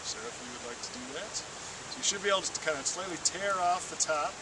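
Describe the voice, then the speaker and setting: Loud stream noise fills this outdoor recording made with a distant mic beside flowing water. The man, a water-quality field trainer, sounds high-pitched, animated and brisk while giving an encouraging, patient, step-by-step hands-on demonstration.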